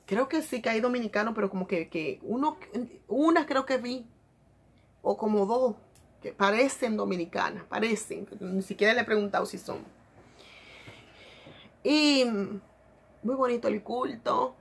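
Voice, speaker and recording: A woman vlogger talks to her viewers in a chatty, confiding tone and keeps calling them "bellas". Her voice has a gravelly edge and a husky grain. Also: fairly high pitch, measured pace. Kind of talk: casual confiding vlog chat.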